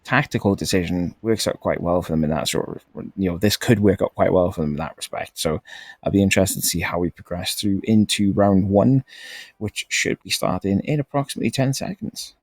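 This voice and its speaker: A man giving relaxed, rambling live commentary on a competitive game as a caster, laughing often. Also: sits low, a little fast, no room sound. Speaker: esports caster.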